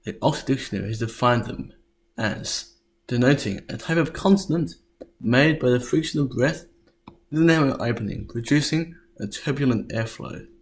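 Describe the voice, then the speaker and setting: Speaking at a medium pitch, a man delivers scripted history narration, pronouncing sounds deliberately and stumbling from time to time.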